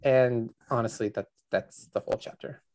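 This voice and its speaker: A man's voice: mid-range voice, normal speed, darkish tone. A man co-hosting a podcast, chatting casually through a book chapter with lots of "like" and "um". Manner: chatty, filler-heavy recap. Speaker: podcast co-host.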